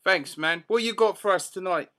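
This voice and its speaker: A man's voice: high-pitched, moderate pace, a bit bright. A man hosting an open mic live stream with playful, jokey, teasing banter.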